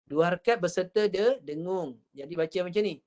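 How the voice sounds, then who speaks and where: A woman with a Malaysian accent teaching Quran recitation over a video call. She demonstrates each sound slowly and repeats it patiently. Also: lowish voice, expressive, darkish tone. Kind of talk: online tajwid lesson.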